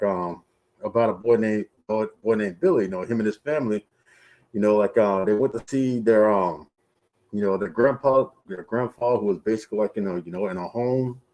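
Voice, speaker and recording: Rambling streamer muffled by a mask. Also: male voice, lowish voice, a little fast, mellow. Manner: rambling, heavy use of fillers like "you know" and "right here". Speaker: streamer reviewing movies. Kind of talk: casual rambling stream chat.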